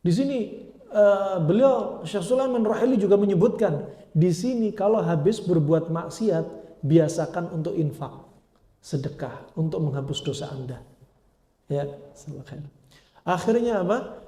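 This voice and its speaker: Male preacher, high mellow voice, casual storytelling lecture, roomy echo. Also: animated, a little slow. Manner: colloquial storytelling with Arabic phrases. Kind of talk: Islamic study lecture.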